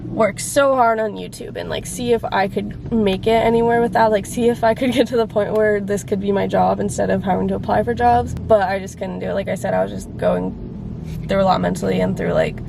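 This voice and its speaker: A woman's voice: mid-range voice, fairly quick, vocal fry, noisy background. A woman in her twenties vlogging in a chatty, rambling way, her voice congested and phlegmy from a cold. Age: 20s. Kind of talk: casual chat to camera. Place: car and around town.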